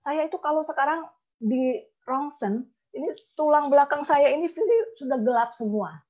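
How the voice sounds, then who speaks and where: A woman voicing a sick, pained middle-aged woman client in a high, strained complaining tone. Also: animated, moderate pace, darkish tone, lo-fi sound. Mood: anguished.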